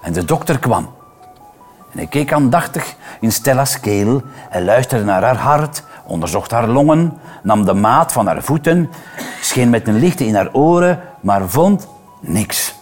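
A man reading a children's story aloud, expressive and playful, switching into voices for the characters. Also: mid-range voice, measured pace, faint music behind. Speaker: reader.

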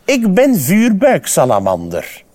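A man's voice: sits high, wildly swooping pitch, drawn-out words, pitched above the performer's own voice, exaggerated voice. A Flemish man voicing a vain, proud little male salamander in a children's storybook reading. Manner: proud, disdainful.

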